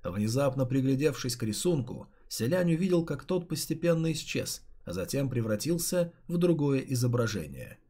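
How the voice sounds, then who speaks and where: A man reading a story aloud in steady, even scripted narration. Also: medium pitch, moderate pace, few pauses. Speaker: audiobook reader.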